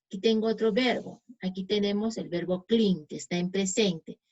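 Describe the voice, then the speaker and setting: A Spanish-speaking woman teaching English grammar, slowly reading out example sentences and often checking in with her students. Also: medium pitch, a little mellow. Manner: slow, reads English examples deliberately, checks in with "¿sí?". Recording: dull lo-fi sound.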